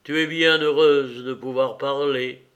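A man's voice: fairly high pitch, expressive, unhurried. A man reading an earnest young nobleman in love. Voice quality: emotional, earnest. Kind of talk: audiobook character reading.

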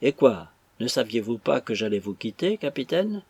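Man playing a whiny, self-pitying young servant, gravelly and husky, animated. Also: mid-range voice, moderate pace, no room sound. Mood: wheedling. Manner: whining, tearful protest.

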